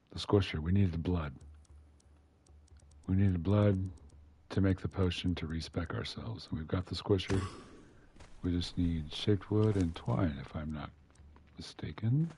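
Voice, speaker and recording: A man's voice: low voice, mellow, breathy edge. A man giving casual, muttering commentary while playing a game, with wry asides. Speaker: game streamer.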